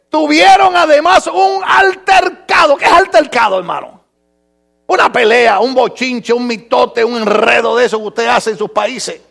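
A man with a very high, creaky voice preaches an animated sermon to a congregation. He is theatrical and humorous, mimicking people in dialogue and swinging between murmured asides and drawn-out shouts.

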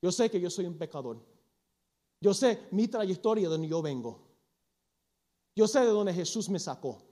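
Man, high voice, sermon, animated storyteller, acts out quotes, mixes in English phrases. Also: normal speed. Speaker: preacher.

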